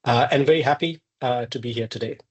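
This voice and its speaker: A man's voice: medium pitch, fast talker, slightly rough. A man in his thirties from India, an architecture researcher, introducing himself casually on a video call. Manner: casual, with fillers.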